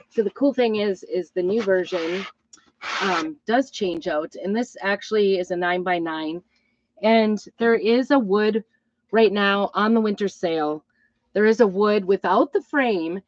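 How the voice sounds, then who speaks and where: A middle-aged woman with a hoarse, weakened voice from a hacking cough, rambling apologetically as she hosts a casual live craft demo. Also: mid-range voice, measured pace, no room sound, dull audio. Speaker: craft host and crafting product seller.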